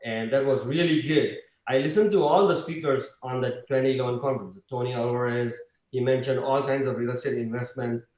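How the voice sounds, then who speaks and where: A man speaking as an investor guest in a casual interview, chatty and filling pauses with "uh". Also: medium pitch, darkish tone, roomy sound, rough recording. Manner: chatty, with frequent "uh" fillers. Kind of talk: conversational interview on a video call.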